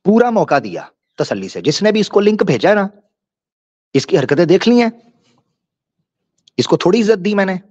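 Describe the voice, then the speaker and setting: A man's voice: high voice, big pitch swings, moderate pace, pauses often, a little mellow, no room sound. A man hosting a live-stream debate, ranting in a taunting, mocking and crude way. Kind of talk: combative live-stream rant. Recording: dull lo-fi stream audio.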